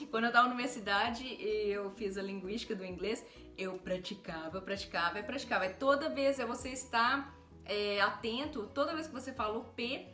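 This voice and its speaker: A woman's voice: on the high side, normal speed. Brazilian woman teaching in an echoey room. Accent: Brazilian Portuguese. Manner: lively, exaggerates sounds to demonstrate, checks in with "tá?" constantly. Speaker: English teacher. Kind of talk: casual video lesson. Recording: roomy echo with faint background music.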